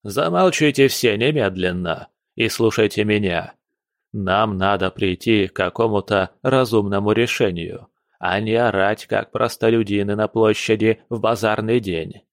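A man's voice: on the low side, unhurried, no echo, studio quality. A man voicing a stern, commanding aristocratic father at the head of his family.

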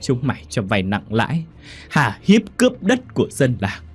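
A man's voice: mid-range voice, huge pitch swings, moderate pace, husky, voice pushed up. A man voicing a frail elderly mother who sobs and wails at her cruel son, in a ghost story. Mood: wailing. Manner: wailing, sobbing, quavering. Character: old mother Ngạc, frail grieving elderly woman.

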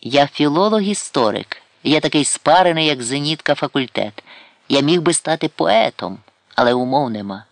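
A man's voice: fairly high pitch, animated, moderate pace, vocal fry, voice pushed up. A haughty young idler who fancies himself an aristocrat, as a male narrator plays him in an audiobook. He speaks with ironic self-importance in a slightly raised voice. The sound is dry, with no room echo. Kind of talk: audiobook character voice.

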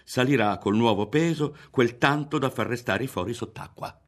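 A man's voice: medium pitch, moderate pace, pitched above the performer's own voice, close to an everyday voice. A man reading an audiobook voices a scheming teenage boy who presses his friend with urgent questions. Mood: insistent.

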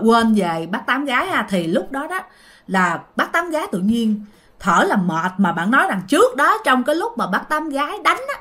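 A woman's voice: fairly high pitch, fairly bright tone. A woman telling a ghost story casually, addressing her listeners and acting out scenes.

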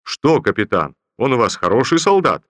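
A man voicing a loud, jovial old general. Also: medium pitch, very animated, normal speed, dry recording, studio quality, pitched above the performer's own voice. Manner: loud commanding bark, shouting orders. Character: old corps general, jovial, hot-tempered, sentimental.

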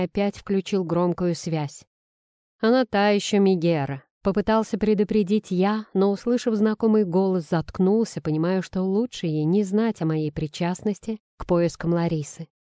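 A woman narrating a storybook in an even, measured reading. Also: mid-range voice, clear, resonant tone, no echo, studio quality. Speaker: audiobook narrator. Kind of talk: scripted narration.

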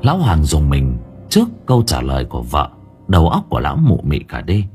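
A man narrating a ghost story in an expressive, dramatic way. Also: a bass voice, a little fast, soft background music. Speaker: audiobook narrator.

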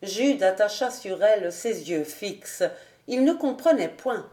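A woman narrating a classic novel as an audiobook, in a measured, expressive reading. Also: medium pitch. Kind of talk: scripted narration. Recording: roomy echo.

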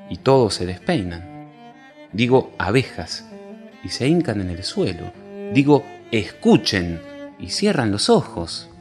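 Man playing a lazy vain old-looking god, low and slow. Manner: slow, drawn-out and self-satisfied.

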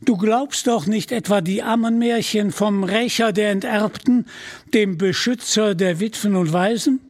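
A man's voice: high voice, a little slow, voice pushed up. A man voicing a brutal scheming male outlaw who snarls and mocks, in an audio drama reading. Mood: menacing. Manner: snarling, mocking.

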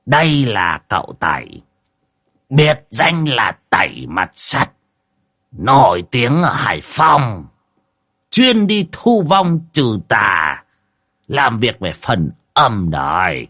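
A boastful old spirit medium, as a man puts him on, chuckling and mocking for an audio ghost story. His husky voice bounces lively up and down. The sound is dry. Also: mid-range voice, slow, no room sound, exaggerated voice. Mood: gloating.

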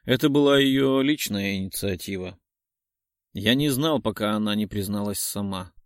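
A man's voice: on the low side, moderate pace, no room sound, studio quality, close to an everyday voice. A man reading an audiobook, voicing an earnest young man who pleads with his lover. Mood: explaining.

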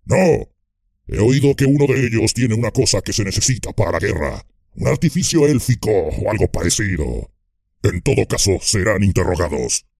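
A hoarse, growling orc captain, as a male narrator puts him on, low and gravelly, barking orders as if nobody could argue. The audiobook voice is husky and recorded dry and close. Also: very animated, normal speed, darkish tone, no echo, heavily acted. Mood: commanding. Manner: commanding, blunt. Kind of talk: audiobook character voice.

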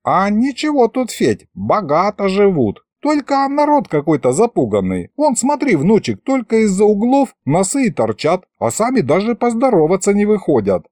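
A man's voice: sits high, huge pitch swings, moderate pace, few pauses, a little mellow, no room sound, clean studio sound, pitched above the performer's own voice. A man voicing a fussy, bossy old grandfather who talks in rustic folksy speech.

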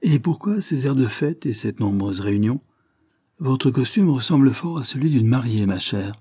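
A man voicing a frank, hearty retired colonel, older, in an audiobook reading, with an emphatic, lively delivery. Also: mid-range voice, moderate pace, slightly rough, no echo, studio quality, pitched above the performer's own voice.

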